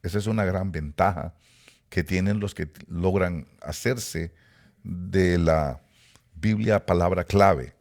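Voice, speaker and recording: A man preaches a Bible lesson in a very low voice with a rough, gravelly edge. He explains patiently, stopping often to restart his phrases and fill pauses. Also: darkish tone. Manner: explanatory, with frequent fillers and restarts. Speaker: pastor. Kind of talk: Bible teaching.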